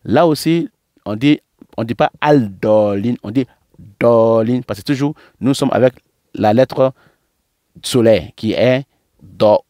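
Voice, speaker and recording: A man's voice: medium pitch, warm tone, no room sound, clean studio sound. A man teaching pronunciation, drawing out and repeating syllables one by one in a patient lesson. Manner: slow, drawn-out syllable drills, repeating words. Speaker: Quran teacher.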